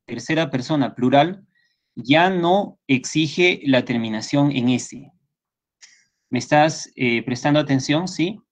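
A man teaching English in an online class, with a Peruvian Spanish accent, patiently repeating points and checking that students follow. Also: a little high. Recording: slightly dull lo-fi sound.

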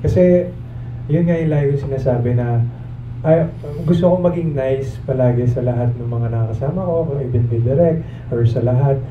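A young man, an actor at a press conference, giving polite, soft-spoken, rambling answers into a handheld mic in a large room. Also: medium pitch, normal speed, highs cut off, slight background noise. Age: young adult. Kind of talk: casual interview answers. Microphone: handheld mic, recorded by a far camera. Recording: echoey room from far off, thin sound.

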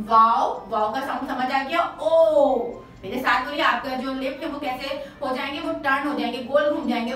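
A high-pitched woman teacher leads a children's lesson. She patiently repeats each sound loudly for the class to copy. She sounds distant and very echoey, with faint music underneath.

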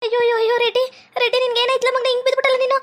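A woman's voice: very high-pitched, little pitch movement, very fast, background noise. A woman playing a frantic young village wife, wailing and repeating herself. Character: frantic young village wife fussing over her husband. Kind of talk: village comedy skit.

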